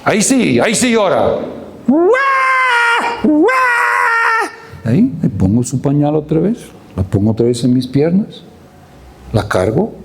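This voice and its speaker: A man's voice: mid-range voice, very animated, normal speed, creaky, background noise. A male pastor preaching a sermon, telling a family story with acted-out dialogue. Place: church. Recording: roomy church hall.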